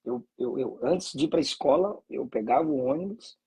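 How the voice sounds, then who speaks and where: A man's voice: mid-range voice, expressive, normal speed, gravelly, dark tone, husky, poor audio. A man from Bahia, a pastor, speaking with fervent preacherly cadence and frequent hallelujahs. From Bahia, Brazil. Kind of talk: conversation and preaching reflection.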